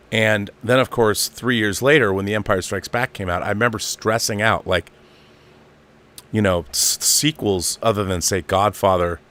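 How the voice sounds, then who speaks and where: A fairly bright, low voice marks this fiftysomething online host, who rambles through an emphatic, casual fan monologue without a script, circling back to repeat phrases for stress.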